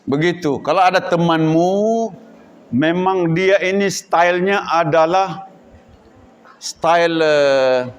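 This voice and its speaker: A man who leads an Indonesian boarding school, giving a religious lecture to students and acting out examples, at times loud, at times hushed. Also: a little high, slow. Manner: animated, acts out examples, shifts between loud and hushed. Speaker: Islamic boarding school leader.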